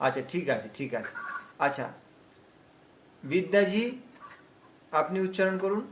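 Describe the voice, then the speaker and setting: Man, fairly high voice, patient online teacher, drawn-out recitation, video call. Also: sing-song, a little hiss or hum. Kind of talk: online class instruction.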